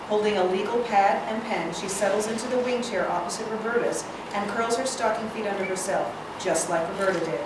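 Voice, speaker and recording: At a screenplay reading, a woman reads the stage directions aloud as scripted narration, her mid-range voice a little fast with hardly any pauses. She's recorded from far off in an indoor reading hall, with echo and clear noise.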